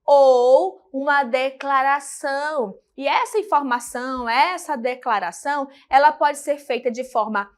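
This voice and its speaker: High-voiced Brazilian woman teaching a class. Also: unhurried, few pauses. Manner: didactic, asks and answers her own questions. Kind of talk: recorded school lesson.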